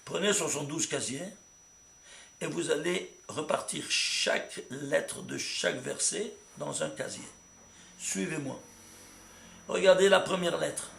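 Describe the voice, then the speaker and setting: A man teaching a kabbalah class as rabbi, asking his students questions and rising to excited exclamations. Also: on the high side, unhurried, creaky. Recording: echoey room, faint hum.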